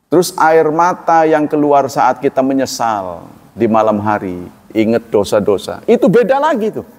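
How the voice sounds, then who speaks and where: A middle-aged Indonesian man giving a casual, digressive sermon on Quranic commentary, chuckling now and then and slowly chanting Arabic verses. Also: a little high, a little mellow. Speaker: Islamic preacher. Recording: long hall reverb.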